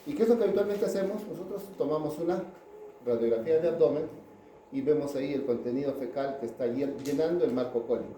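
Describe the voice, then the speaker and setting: A man's voice: on the high side, fast, mellow, reverberant, a little hiss or hum, low-quality recording. A man giving a pediatrics class lecture, chatting with students and asking them questions.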